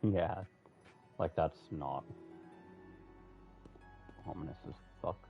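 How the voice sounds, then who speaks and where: A man's voice: very deep voice, slow. A man giving casual, wry and blunt commentary while he plays a video game. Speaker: game streamer. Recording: dull lo-fi mic, faint game music.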